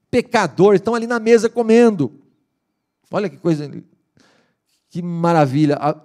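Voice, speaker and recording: Animated preacher man. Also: mid-range voice. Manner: lively preaching, acts out quoted voices. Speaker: pastor. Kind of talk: sermon. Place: church hall.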